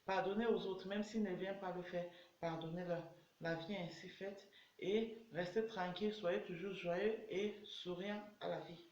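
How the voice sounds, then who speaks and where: A woman's voice: on the low side, fairly even intonation, normal speed, a little mellow, slight background noise. A woman personal development coach giving an earnest motivational talk, repeating her exhortations. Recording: echoey room, dull lo-fi sound.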